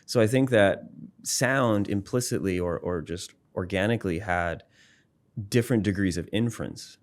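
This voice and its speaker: A man with a very low voice talks through ideas as a guest in a casual interview. He is thoughtful and circles back on himself, full of fillers and restarts. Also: moderate pace. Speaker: psychology professor and musician, interview guest. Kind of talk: casual explanatory interview talk.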